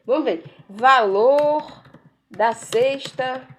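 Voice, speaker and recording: Her voice is high, with drawn-out words and a little hiss or hum in the recording. Scrolling through pages on screen, she rambles through sarcastic, casual political commentary, constantly ending sentences with the question tag "né?"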